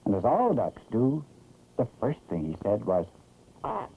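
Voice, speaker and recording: Highly animated vintage cartoon storyteller, tinny soundtrack. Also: normal speed, a little hiss or hum. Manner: expressive, theatrical. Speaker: storyteller narrator. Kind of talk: scripted children's storybook narration, vintage cartoon.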